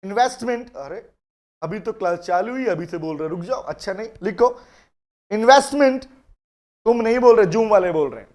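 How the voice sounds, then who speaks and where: A male law lecturer runs a live online class in a teasing, playful manner, fondly calling his students "beta". He slows right down to dictate definitions word by word for them to write. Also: high-pitched, expressive, darkish tone. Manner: dictates notes slowly, word by word.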